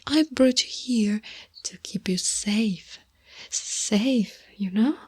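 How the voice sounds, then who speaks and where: Extremely slow and husky, a mid-range Italian voice plays a goth girlfriend in ASMR roleplay who is obsessive and sweetly menacing. She coos softly, coaxes possessively, and frequently drops to a whisper.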